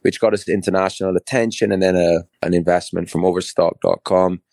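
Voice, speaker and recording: A middle-aged man from Barbados, a podcast guest explaining his work in fluent, measured sentences. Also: low voice, creaky, a little mellow, dry recording. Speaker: guest, crypto co-founder. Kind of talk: podcast interview.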